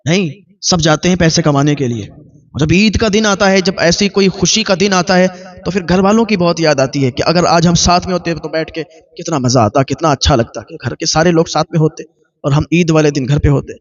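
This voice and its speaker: Brief: male preacher, high voice, earnest storytelling sermon, dull lo-fi recording. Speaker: Islamic preacher.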